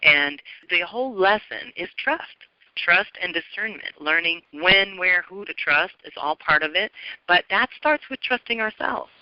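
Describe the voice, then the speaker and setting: A woman's voice: on the low side, animated, a little slow, no room sound, highs cut off. A woman astrologer giving an earnest, encouraging spoken forecast, often repeating her phrases.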